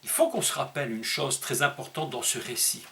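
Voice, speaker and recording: A man preaching a sermon, emphatic and teaching, asking rhetorical questions and leaping up in pitch on key words. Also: gravelly, a bit bright. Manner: emphatic teaching tone with dramatic pitch leaps and slowed stressed words.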